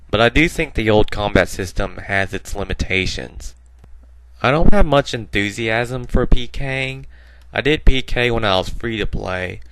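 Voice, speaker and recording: A man's voice: fairly low pitch, fairly bright tone, clean tone, rough recording. A man giving casual voice-over commentary over gameplay, with a naturally bored-sounding voice and a rambling, filler-heavy way of talking. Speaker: gaming video host.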